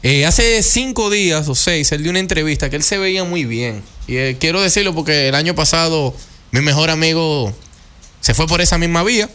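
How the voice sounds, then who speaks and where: A Dominican man in his thirties with a Dominican Spanish accent, co-hosting a casual radio show and telling stories with quick asides. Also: fairly high pitch, expressive, bright, forceful tone, clean tone. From Dominican Republic.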